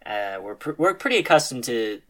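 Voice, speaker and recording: A man's voice: mid-range voice, sing-song, a little fast, a bit bright. Casual rambling male podcast host. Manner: rambling with many fillers and restarts. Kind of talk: casual podcast chat about classic rock albums.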